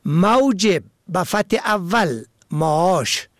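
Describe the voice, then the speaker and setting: A man's voice: on the high side, animated, creaky, dry recording, clean studio sound. A man presenting a scripted radio lesson, carefully spelling words out letter by letter. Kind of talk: scripted educational reading.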